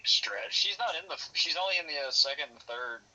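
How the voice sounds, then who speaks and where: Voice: mid-range voice, animated, brisk, highs cut off, a crowd in the background. A friend on a game stream, chatting casually and joking around. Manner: playful, joking, gamer banter. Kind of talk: casual gaming stream chat.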